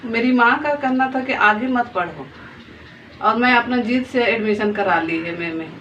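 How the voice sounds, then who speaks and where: A woman's voice: a little high, measured pace, fairly bright tone. Earnest mother in her thirties, pleading personal testimony, faint background noise on a dull recording. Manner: pleading, heartfelt, repeats phrases. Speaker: vlogger and mother of two daughters. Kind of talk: emotional personal testimony to camera. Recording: distant, dull lo-fi phone audio with faint noise.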